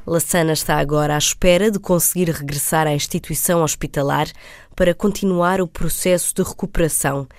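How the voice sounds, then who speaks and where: A woman's voice: low voice, fairly even intonation, a little fast, a little mellow, no room sound, studio quality. A woman reporter reading scripted narration for a news feature.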